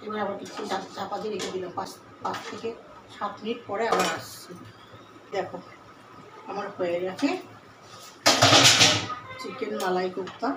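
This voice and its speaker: In her echoey kitchen, amid loud cooking noise, a Bengali home cooking host walks through each step of a casual demonstration. She has a mid-range voice and a level tone, keeps a moderate pace, and takes long pauses.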